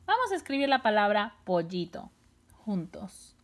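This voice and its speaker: A woman teaching a children's phonics lesson, sounding out syllables slowly and stretching the words, with playful, exaggerated surprise. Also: fairly high pitch, very animated, a bit bright. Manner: slow, drawn-out sounding of syllables.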